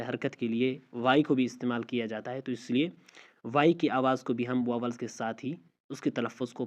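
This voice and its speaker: A man teaching English pronunciation, saying example words slowly and repeating each one. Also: medium pitch, a little mellow. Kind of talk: spoken language lesson. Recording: slightly dull lo-fi audio.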